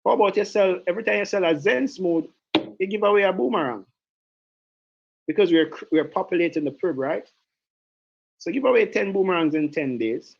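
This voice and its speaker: A man giving an energetic, persuasive sales pep talk as a team leader, repeating his points and asking the audience questions. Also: high-pitched, fairly quick, creaky, long pauses, muffled recording, slight background noise. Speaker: network marketing team leader.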